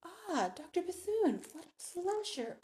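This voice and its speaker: A woman's voice: extremely high pitch, very animated, a little slow, dark tone, voice pushed up, full character voice. A woman reading aloud, voicing a polite, officious society matron in her seventies. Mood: delighted.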